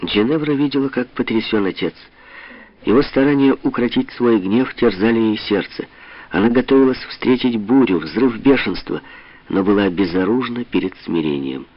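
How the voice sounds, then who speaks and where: A man narrating a novel in a measured, expressive literary reading, on a dull lo-fi audiobook recording. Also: lowish voice, dry recording. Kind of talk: scripted narration.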